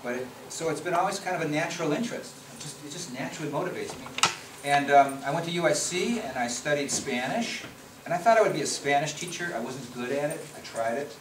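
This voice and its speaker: A middle-aged policy researcher from the Chicago area gives a conversational slide presentation in a conference meeting room, frequently restarting and repeating words. His voice is a little high and animated, and he talks fast with hardly any pauses. The recording is noisy and echoey, picked up from far off.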